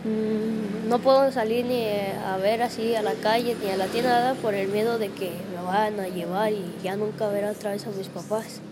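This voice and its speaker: A frightened young woman recounts an ordeal to a reporter, halting and restarting her sentences. Her voice sits in a middle range and comes through a clearly noisy recording. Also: mid-range voice, fairly even intonation. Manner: hesitant, halting, with restarts and fillers. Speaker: interviewee.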